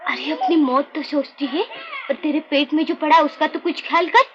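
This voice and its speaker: A woman's voice: high-pitched, moderate pace. A woman playing a blunt, caring fellow labourer who chides her friend, in 1950s film acting. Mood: chiding. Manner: blunt, chiding. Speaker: neighbour. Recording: dull old film soundtrack with faint noise.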